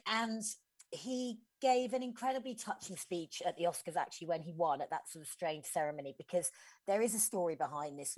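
A woman's voice: lowish voice, darkish tone, breathy edge. A woman in her forties, co-hosting a casual podcast and explaining a film's plot in a chatty way, with frequent restarts. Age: 40s. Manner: chatty, restarts often, explains plots in detail. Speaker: film reviewer co-host. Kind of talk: casual podcast film review.

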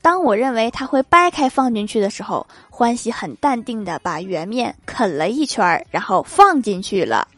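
A woman's voice: fairly high pitch, big pitch swings, normal speed, hardly any pauses, no room sound. A young woman hosting a joke show, telling funny everyday stories in an upbeat way and chuckling at her own punchlines. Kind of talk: comedic joke storytelling.

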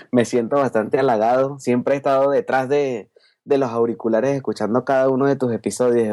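A young man in his twenties with a Venezuelan accent, answering interview questions over a remote call. He talks casually, hesitates often and keeps checking in with a quick 'ok?'. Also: mid-range voice, a little mellow. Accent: Venezuelan Spanish. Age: 20s. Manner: conversational, tags phrases with 'ok?', frequent hesitations. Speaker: interview guest, podcast listener. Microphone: remote call over Skype.

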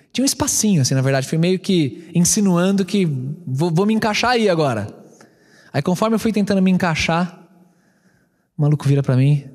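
A man preaching to a congregation, his fairly high voice lively as he acts out every part of his story. A long hall reverb hangs on every phrase, like a sermon in a large church. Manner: animated, acts out both sides of a quarrel. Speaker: pastor.

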